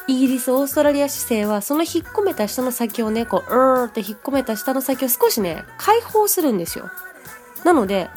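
Japanese woman hosting an english podcast, kinda high voice, chatty, goes slow and careful on the english bits, faint music under her. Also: darkish tone. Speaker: podcast host and English teacher. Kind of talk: pronunciation lesson podcast.

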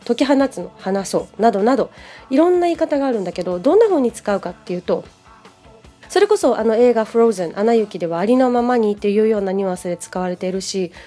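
A woman giving a casual pronunciation lesson, chatting with many fillers and slowly modeling English phrases for the listener to repeat. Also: medium pitch, mellow. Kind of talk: casual solo lesson, podcast-like.

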